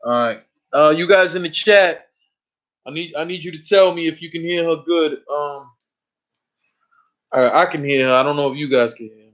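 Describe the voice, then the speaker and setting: A man with a New York accent hosting a casual live stream, his voice sitting a little high. He talks loosely and profanely, stumbling and repeating words. The audio is dull and lo-fi. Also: normal speed, long pauses, fairly bright tone. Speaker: host.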